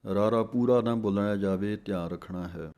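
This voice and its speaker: A middle-aged man with a Punjabi accent teaching recitation, spelling out letters and repeating each word slowly and deliberately. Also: lowish voice, a little mellow. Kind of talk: slow step-by-step pronunciation lesson.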